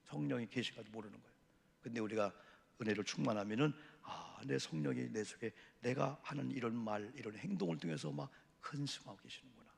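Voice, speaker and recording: A male pastor with a gravelly, husky voice delivers a Bible-study sermon, spinning anecdotes with an easy storyteller's pace. His voice rings out with a long reverb across a church sanctuary. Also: mid-range voice, a little fast. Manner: lively anecdotal storytelling, drops to hushed asides.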